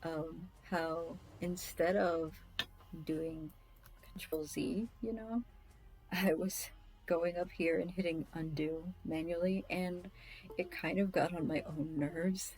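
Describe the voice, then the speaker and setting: A woman's voice: on the low side, fairly even intonation, slow pace, a little mellow, low-quality recording. A woman chatting casually while she draws, rambling, scattered and self-deprecating, often muttering to herself. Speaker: artist streaming a drawing session.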